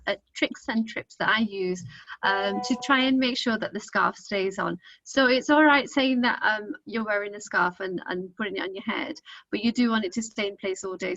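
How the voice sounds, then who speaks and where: A woman's voice: a little high, a bit bright, no echo. A woman with a Northern English accent leading a live online hijab styling class, chatty and reassuring with many ums. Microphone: video call. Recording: dull lo-fi video call audio.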